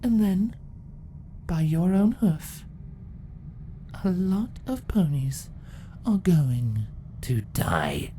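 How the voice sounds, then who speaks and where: An imperious fantasy storybook empress, ancient and menacing. Her high voice swoops with condescension while staying deliberate and in control. Faint ambience sits behind her. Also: sing-song, warm tone, slight background noise, exaggerated voice. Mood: commanding, menacing.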